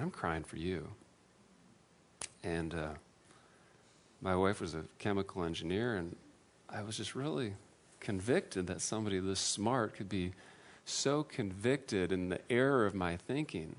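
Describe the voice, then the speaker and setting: A man giving a personal testimony to an audience, earnest and self-deprecating, with halting restarts. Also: fairly low pitch, expressive. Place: room with an audience.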